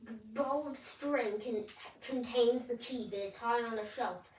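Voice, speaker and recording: High-voiced woman in an echoey room. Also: a little slow, a little mellow, distant mic. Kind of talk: simple made-up story answers.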